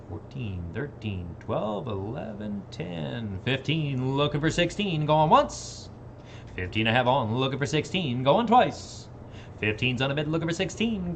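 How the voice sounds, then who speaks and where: A man's voice: a little high, slight background noise. A man working as an auctioneer, repeating numbers in a bid chant and talking informally to bidders. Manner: informal, plain-spoken.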